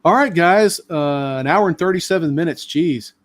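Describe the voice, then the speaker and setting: A man's voice: a little high, moderate pace. A middle-aged man hosting a live stream, talking casually and at length with many fillers. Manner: rambling, talkative, lots of fillers.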